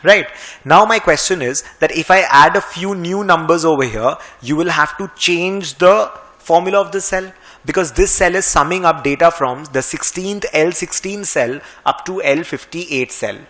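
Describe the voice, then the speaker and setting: With a voice on the high side, a finance and Excel trainer with an Indian English accent narrates a screen-capture software walkthrough. He's brisk and conversational, slipping in a touch of sarcasm.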